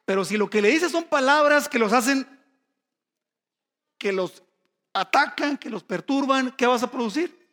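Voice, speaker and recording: A man's voice: very high voice, lively intonation, measured pace, pauses often, pushed and bright, long reverb tail. A man preaching a sermon, telling personal stories and reading scripture, calling the congregation brothers and asking them rhetorical questions. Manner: folksy personal storytelling. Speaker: pastor.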